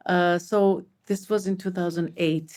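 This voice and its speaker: A middle-aged repat parent from Armenia chats casually on a panel, telling animated stories full of restarts. Her voice sits on the low side and her pace is measured.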